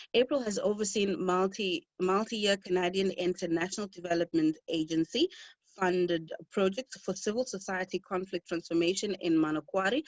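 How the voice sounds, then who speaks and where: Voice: medium pitch, dry recording. Moderator reading formal introductions, dry and muffled audio, some stumbles. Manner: formal, with occasional stumbles and restarts. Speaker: webinar moderator.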